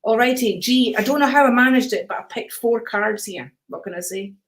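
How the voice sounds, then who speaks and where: Her voice on the high side and her pace fairly quick, an older Scottish woman leads a live card-reading stream. She talks easily with viewers in a calm, soothing way, often calling them sweetheart or darling.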